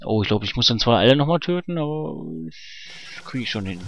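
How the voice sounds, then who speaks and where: A man's voice: mid-range voice, animated, fairly quick, a little hiss or hum. A man casually commenting on a video game as he plays, chatty and swearing at it now and then. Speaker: let's play gamer. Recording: game music behind. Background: game music.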